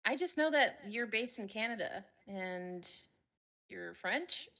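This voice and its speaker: A woman's voice: fairly high pitch, lively intonation, slow pace, sharp tone. Bubbly woman hosting an interview. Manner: bubbly, gushing, many fillers. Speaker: interview host. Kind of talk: casual interview chat.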